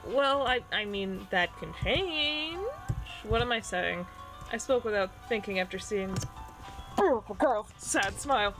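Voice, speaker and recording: A woman reading the lines of an awkward male high school student in a visual novel, in her own voice. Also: lively intonation, measured pace, music in the background, rough recording. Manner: awkward, self-conscious.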